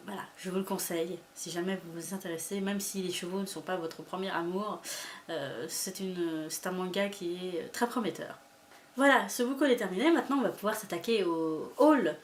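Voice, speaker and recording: Young woman rambling through her book haul, lots of ums, echoey room with a bit of background hiss. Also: mid-range voice. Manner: chatty, hesitant with frequent fillers. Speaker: booktuber. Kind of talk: casual book haul vlog. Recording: echoey room with faint ambience.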